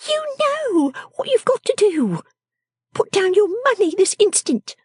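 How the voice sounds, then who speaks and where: Storybook role: scolding young girl dressmaker, very high swooping voice, snappish, bossy and emphatic. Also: big pitch swings, measured pace, darkish tone, no echo, studio quality, heavily acted. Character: shrewish, bossy, sickly young girl dressmaker, sharp-tongued. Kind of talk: storybook character acting.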